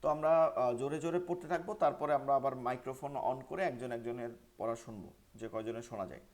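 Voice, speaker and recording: A man's voice: mid-range voice, fast, a little mellow. A man with a Bangladeshi Bengali accent teaching Quran pronunciation in an online class, repeating sounds for students to follow. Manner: repetitive drilling, call-and-response recitation. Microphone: online class microphone.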